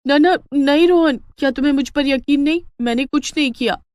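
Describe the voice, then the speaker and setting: Female narrator playing a vain young daughter-in-law in a cartoon, high, whiny, shrill. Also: a little fast, a little mellow, no echo, studio quality, natural voice. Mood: panicked.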